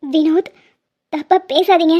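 A woman's voice: extremely high pitch, steady tone, a little slow, warm tone. A woman voicing an obsessive young lover. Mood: pleading. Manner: pleading, insistent.

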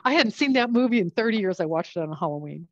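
A woman's voice: medium pitch, animated, fast, no room sound, muffled recording. A woman teaching a cooking class, chatting and explaining each step while she works with her hands. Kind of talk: live cooking demonstration.

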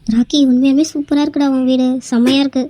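A woman plays a clingy young woman in a cartoon, pleading and heaping on thanks with a scheming edge. Her voice is high and quick but mellow, and the sound is dry and close. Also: fairly even intonation, dry recording, natural voice. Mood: grateful. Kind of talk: cartoon voice acting.

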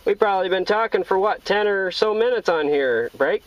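Inside a parked or moving vehicle, an American CB radio operator chats casually in CB jargon, folksy and jovial. His voice is high-pitched and expressive at normal speed, with heavy background noise and dull, lo-fi in-vehicle sound.

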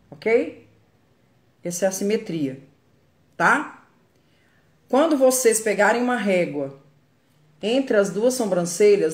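A Brazilian woman giving a live makeup tutorial from her phone, chatty and greeting viewers by name as she works. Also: on the low side. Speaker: makeup artist.

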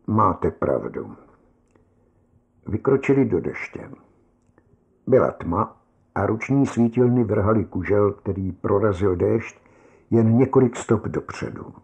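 A man narrating a short story in a measured, calm audiobook reading. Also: lowish voice, lo-fi sound.

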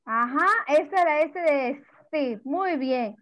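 A woman's voice: sits high, slow pace, a bit bright. A woman teaching young children in an online class, patient and affectionate, with many diminutives. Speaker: preschool teacher.

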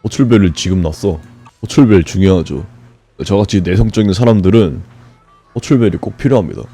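A man streaming a game, grumbling and swearing at it, then breaking into sudden high shouts. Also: fairly quick, soft background music. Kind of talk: frustrated live gameplay commentary.

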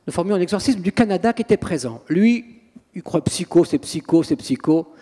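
A priest and exorcist giving an anecdotal public talk, acting out scenes as a theatrical storyteller. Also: male voice, sits high, animated, moderate pace, mellow, slightly rough. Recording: long reverb of a hall.

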